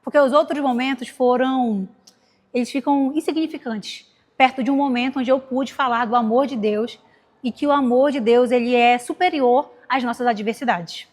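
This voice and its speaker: High-voiced woman preaching in a reverberant hall. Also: moderate pace. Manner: conversational, personal storytelling with direct address. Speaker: preacher at a women's gathering. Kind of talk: sermon.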